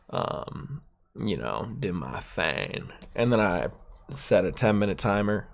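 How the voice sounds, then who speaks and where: A man hosting a solo podcast, chatting in a rambling, laid-back way with lots of fillers and swearing, his nose stuffed up. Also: low voice. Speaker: podcast host. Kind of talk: solo casual podcast chat.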